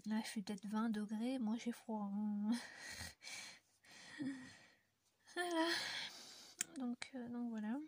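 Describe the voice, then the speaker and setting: Colouring on camera in a mountain room, a French YouTuber talks to her viewers slowly with long pauses, her fairly high voice a little mellow. A little hiss or hum is present. Her casual chat rambles with many fillers and frequently sinks to almost a whisper.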